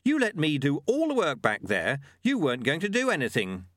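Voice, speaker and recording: A man's voice: a little high, wildly swooping pitch, a little fast, a bit bright, no room sound, studio quality, pitched above the performer's own voice. A man voicing an indignant young male apprentice who protests in an exasperated way.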